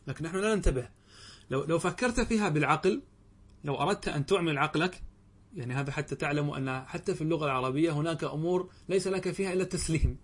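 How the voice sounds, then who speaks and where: A man with a somewhat high-pitched voice teaches a grammar lesson to a class of students. He keeps it animated, throws questions at the class and leans hard on the key words. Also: racing, husky. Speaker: religious teacher.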